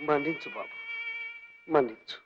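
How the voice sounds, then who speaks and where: A grieving, humble old man struck by leprosy, whose voice swings widely in pitch as he pleads through tears. The sound is a dull old film soundtrack with music underneath. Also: wildly swooping pitch, normal speed. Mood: sorrowful. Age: older. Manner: sorrowful, tearful, self-pitying pleading. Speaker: film character. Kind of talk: 1960s Telugu film drama.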